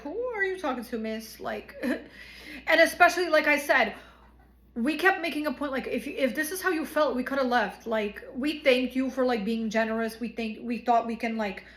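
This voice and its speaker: Young woman, high-pitched, casual ranting vlog delivery, rambling with heavy fillers. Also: fairly bright tone. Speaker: vlogger.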